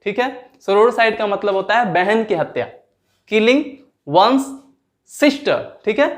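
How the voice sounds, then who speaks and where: A male teacher runs an exam vocabulary lesson, slow and patient yet animated, with a voice that sits high. He draws out each word slowly as he repeats it, then questions his students to check they've understood.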